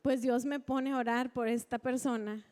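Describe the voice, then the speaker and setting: A woman's voice: a little high, fairly even intonation, moderate pace, darkish tone, clean tone. A woman giving a personal testimony to a church congregation, chatty and full of fillers. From Mexico. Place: church service.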